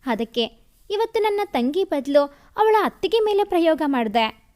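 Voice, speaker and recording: A woman reading the lines of an affectionate young husband who gently soothes and teases, in a storybook reading. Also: very high-pitched, sing-song, normal speed. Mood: teasing.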